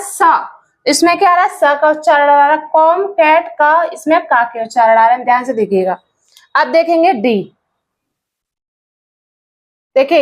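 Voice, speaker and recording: A woman who teaches English pronunciation, speaking patiently, repeating words and spelling them out letter by letter. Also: high-pitched. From India.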